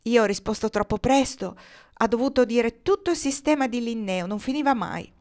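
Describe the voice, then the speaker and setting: A woman reading the part of a nervous, agitated young female student in an audiobook, speaking in a quick, urgent, slightly raised voice. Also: on the high side, a little mellow, pitched above the performer's own voice, lightly acted. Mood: anxious.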